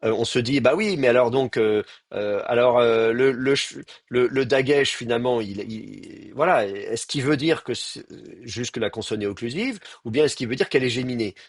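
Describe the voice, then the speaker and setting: Husky-voiced man lecturing on grammar. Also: mid-range voice, normal speed, dry recording, studio quality. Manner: thinks aloud with many fillers and restarts, addresses students directly. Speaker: Hebrew teacher.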